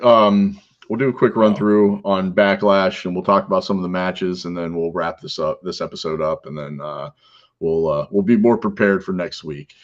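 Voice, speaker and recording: A man co-hosting a podcast in casual chat, an animated storyteller who laughs and acts out quotes. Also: deep voice, muffled recording. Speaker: podcast co-host.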